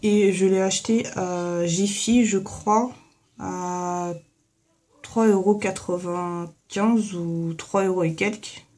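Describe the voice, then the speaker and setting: Her voice fairly low, steady, slow, and a little mellow, a young beauty vlogger casually narrates a hair and makeup tutorial in her bathroom. The phone headset mic picks up a chatty delivery heavy with fillers and "en fait".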